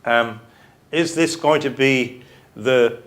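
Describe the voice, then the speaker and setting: A man's voice: mid-range voice, takes it slowly, a bit bright. British man giving a university lecture. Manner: conversational, thinking aloud with restarts. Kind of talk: university lecture with audience questions.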